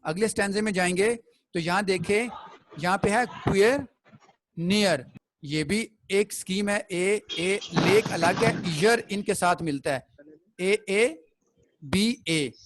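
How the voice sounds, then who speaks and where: A man with a high voice teaches a poetry lesson in a classroom, speaking slowly and explaining step by step while checking that students keep up. The recording is rough, with slight background noise.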